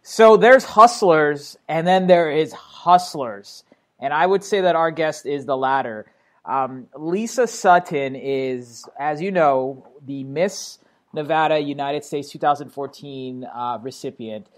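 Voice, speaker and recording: A man's voice: a little high, slow. A man hosting an interview podcast, upbeat and enthusiastic, talking loosely with fillers. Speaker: podcast host.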